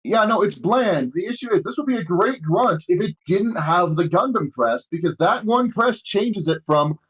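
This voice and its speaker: A man's voice: sits high, lively intonation, moderate pace, slightly rough, poor audio. A man chatting as a podcast guest, often restarting sentences and swearing casually. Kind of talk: casual chat.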